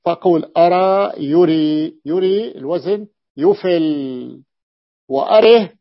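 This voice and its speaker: Speaking slowly in a fairly high voice, a male Arabic morphology teacher explains a classical text, repeats important forms, and asks a student to keep reading. The audio is lo-fi.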